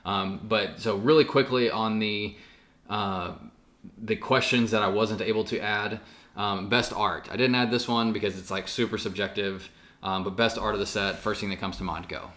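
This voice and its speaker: Low-voiced guy, bright sound, casual podcast chat full of ums. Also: steady tone, moderate pace. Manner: chatty, lots of fillers and restarts. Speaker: podcast co-host.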